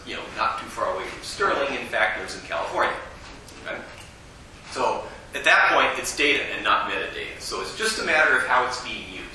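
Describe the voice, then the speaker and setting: A man giving a casual, joking classroom lecture at a fast clip, recorded in a lecture hall. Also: medium pitch, bright, forceful tone, a little hiss or hum. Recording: echoey hall, distant mic.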